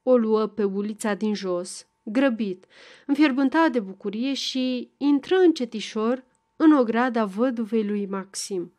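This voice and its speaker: A woman with a fairly high voice narrating an audiobook. She reads at a measured, even pace in a calm storytelling manner. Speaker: volunteer audiobook reader. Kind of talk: audiobook narration of a classic novel.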